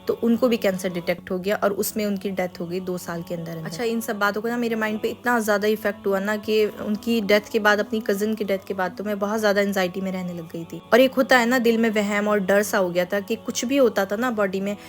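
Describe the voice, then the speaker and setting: A woman hosting her own channel, telling a personal religious testimony in an earnest, confiding, unhurried way. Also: mid-range voice, steady tone, soft background music. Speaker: channel host.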